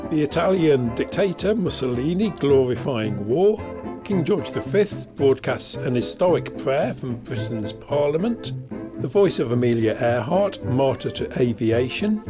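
A man hosting a podcast, reading a scripted introduction. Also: medium pitch. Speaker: podcast host.

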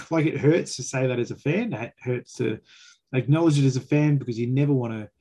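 A man's voice: mid-range voice, a little fast, mellow, husky. An Australian man hosting a fan sports chat, giving critical, emphatic opinions in colloquial language. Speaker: fan podcast host.

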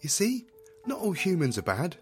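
A man's voice: high-pitched, huge pitch swings, normal speed, faint music behind. A man voicing a cheerful young male cheese superhero who talks in an upbeat, encouraging way.

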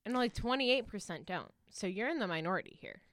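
A young woman with a bright, crisp voice, chatting on a podcast. She tells her stories with animation and acts out every line of dialogue. The sound is dry and close to the mic. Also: mid-range voice, animated, fast, no room sound. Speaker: podcast co-host. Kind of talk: casual chat.

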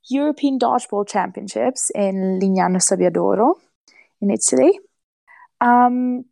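A woman's voice: fairly high pitch, vocal fry, darkish tone, dry recording. Young woman, hesitant guest. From Austria. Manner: frequent hesitant ums between phrases. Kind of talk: prepared monologue.

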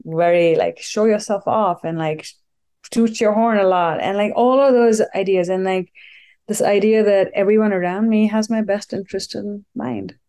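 Woman from India, mellow warm tone, reflective storytelling, earnest, lots of "like" fillers. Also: medium pitch, normal speed. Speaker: guest.

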